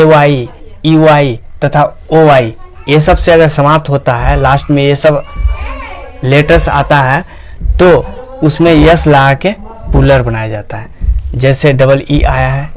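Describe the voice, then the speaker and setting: Slow-paced male grammar teacher. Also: mid-range voice. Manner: repeats examples and asks rhetorical questions. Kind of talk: slow classroom-style explanation.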